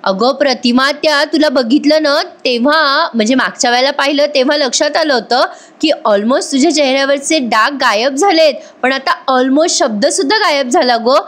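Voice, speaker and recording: Gushing young niece, read by a woman, high, excited, drawn out. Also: normal speed.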